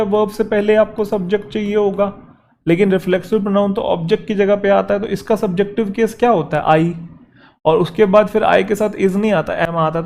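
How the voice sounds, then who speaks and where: Male teacher, somewhat high voice, patient step-by-step explainer. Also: darkish tone. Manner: explains step by step, addresses students as "beta", reads example sentences slowly. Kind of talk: classroom grammar lesson.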